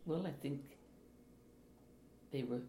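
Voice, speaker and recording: An older woman, a retired teacher, speaking slowly and reflectively in an interview. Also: a bass voice. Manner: slow, reflective, with soft laughs. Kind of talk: oral history interview. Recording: echoey room, faint hiss.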